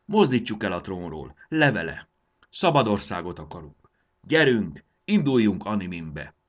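A man's voice: fairly low pitch, very animated, pitched above the performer's own voice. A man voicing a commanding creature leader who rallies a rebel alliance in an audiobook. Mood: rousing. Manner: stirring, commanding speech. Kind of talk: audiobook character voice.

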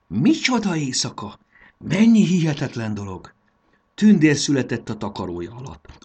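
Husky, lively male storybook narrator. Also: lowish voice. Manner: lively, expressive reading.

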